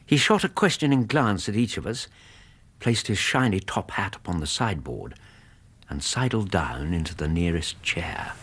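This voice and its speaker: A loyal British doctor and storyteller for a radio drama. His low voice moves through a lively range with a husky edge. He phrases like a well-read gentleman, genial and measured. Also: exaggerated voice. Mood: measured storytelling. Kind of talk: radio drama narration and dialogue.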